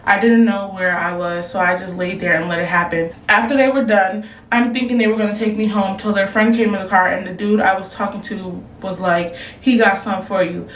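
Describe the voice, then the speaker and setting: Talking fairly quickly and barely pausing, a young woman with a medium-pitched voice reads advice submissions at home, responding bluntly, slangily, and with animation. She starts on camera and moves to a phone. The audio is poor, echoey, and distant, with slight hiss or hum.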